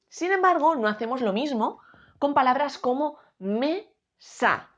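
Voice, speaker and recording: Woman, Spain Spanish accent, teacher explaining grammar, lively rising and falling pitch, slightly high voice, slightly dull lo-fi sound. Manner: slow, clear teacher talk, spelling out syllables. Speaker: educator. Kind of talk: explaining a lesson to students.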